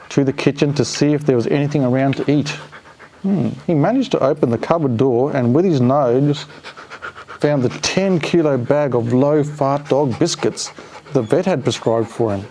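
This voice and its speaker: On a rough recording with slight background noise, a man with a dark, mid-range voice reads a children's story aloud to a dog. He reads expressively and breaks off for playful, chatty remarks to the pet.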